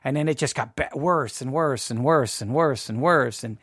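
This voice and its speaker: A man's mid-range, fairly bright voice comes through clean and dry as he hosts a podcast at normal speed. Talking informally and emphatically about personal things, he repeats phrases often for effect.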